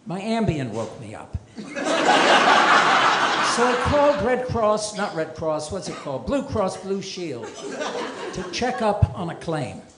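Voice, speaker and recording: A man's voice: high-pitched, big pitch swings, a little slow, pauses often, heavy background noise. An older man doing a stand-up comedy set on a club stage, delivering dry one-liners with self-deprecating asides. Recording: roomy club with loud audience laughter.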